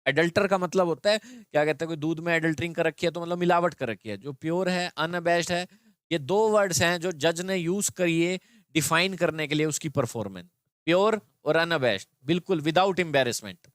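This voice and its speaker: A man's voice: on the high side, normal speed, fairly bright tone, clean tone, no room sound. A man teaching an English grammar lesson, explaining in Hindi with English terms and checking in with students often.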